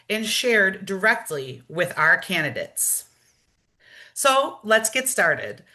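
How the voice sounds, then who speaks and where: A woman opening an online community session as its host, reading a scripted welcome in a measured, formal way over a video call. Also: mid-range voice, sharp tone. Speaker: event organizer and host.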